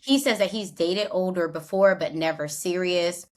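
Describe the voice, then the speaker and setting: A woman with a fairly low voice co-hosts a podcast at a normal speed, recapping a reality show in casual conversation. She recounts scenes and acts out the things people said.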